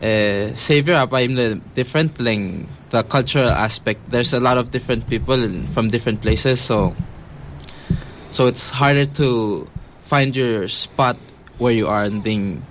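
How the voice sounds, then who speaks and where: A young man from Palau with a Palauan accent answers interview questions in a halting, reflective way, switching between two languages. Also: medium pitch, a bit bright, slight background noise, rough recording. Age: young adult. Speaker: interviewee, university student.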